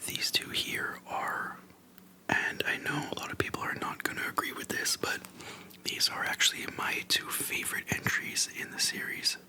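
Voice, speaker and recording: Whispering softly and breathily right up close to the mic, an ASMR creator chats casually at a slow pace, using short, gentle phrases with pauses. The recording quality is low.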